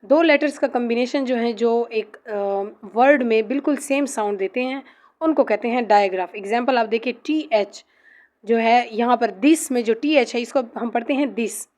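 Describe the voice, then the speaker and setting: A woman teaches a grammar lesson for test preparation. She explains each term slowly and reads definitions aloud, pausing often on fillers. Her voice sits a little high. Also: a little mellow.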